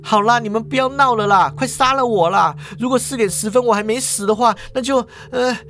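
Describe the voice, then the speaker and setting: A man's voice: very high voice, very animated, brisk, fairly bright tone, soft background music, pitched above the performer's own voice, full character voice. A man voicing a scornful, bossy ghost of a woman store clerk in a storybook tale. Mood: urgent.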